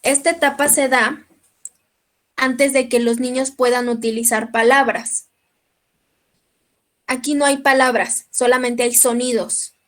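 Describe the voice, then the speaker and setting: A woman with a Mexican accent teaches a lecture in a high voice. She keeps checking that her listeners follow her and clears her throat now and then. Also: steady tone, unhurried, pauses often, fairly bright tone. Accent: Mexican Spanish.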